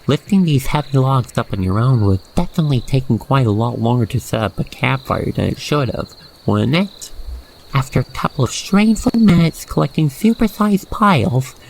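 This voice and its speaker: Through a scripted ASMR roleplay, a narrator with a creaky, mid-range voice guides the listener, telling the story in a soothing, playful way. Faint noise and chirping crickets fill the rough recording's night insect ambience.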